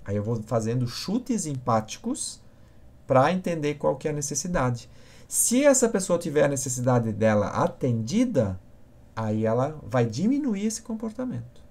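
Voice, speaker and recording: A man's voice: medium pitch, very animated, moderate pace, darkish tone. A man teaching on a live stream, answering viewers by name and checking in often with short questions. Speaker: communication instructor.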